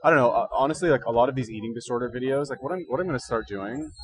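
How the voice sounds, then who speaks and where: Over music, a medium-pitched male voice races along very fast. The slightly congested speaker, recently awake, is a livestream host casually rambling about fitness and diet, thinking aloud in slangy, informal speech.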